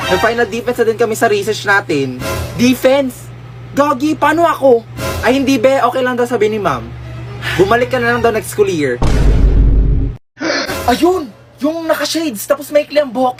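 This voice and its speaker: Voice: mid-range voice, expressive, over music. Brash teasing comic skit voice. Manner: brash, teasing, quick comic back-and-forth with slang. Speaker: comedy skit creator playing every part. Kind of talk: comic school and shop skits.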